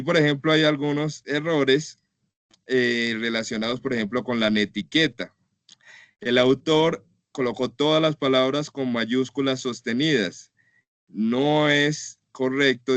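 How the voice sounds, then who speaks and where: A man's voice: medium pitch, no echo. A man teaching an online class, walking students through slide examples in a patient, explanatory way. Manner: patient, explanatory, repeats "entonces" and "por ejemplo".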